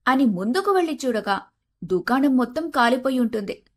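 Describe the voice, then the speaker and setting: A woman narrating an animated moral story in a steady, plain storytelling manner. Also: sits high, fairly quick.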